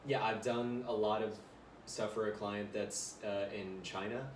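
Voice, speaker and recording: A young man with a lowish voice talks easily about his voiceover work, rambling with plenty of fillers. He sits a little back from the mic in a roomy space with a faint hiss underneath. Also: fairly even intonation, measured pace. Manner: chatty, many fillers. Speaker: voiceover actor guest. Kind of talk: casual podcast chat. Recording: roomy room, far mic, faint noise.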